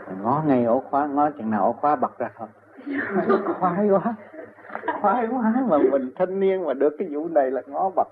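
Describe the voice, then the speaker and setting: An older man with a Southern Vietnamese accent, telling long personal stories in an interview and chuckling often as he talks. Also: on the high side. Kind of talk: rambling personal storytelling. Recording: tinny phone-like recording with faint noise.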